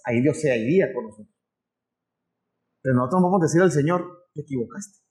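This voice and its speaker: A man's voice: fairly high pitch, lively intonation, brisk, darkish tone. A man with a Mexican Spanish accent preaching a sermon as a pastor, earnest and conversational, voicing God and Moses in dialogue.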